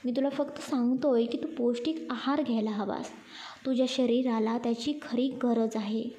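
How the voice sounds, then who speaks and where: A woman's voice: on the high side, fairly even intonation, normal speed, mellow, natural voice. A woman voicing a protective young man who talks to his partner in a firm, teasing, instructing way. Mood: caring, firm. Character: caring, bossy young man, protective lover.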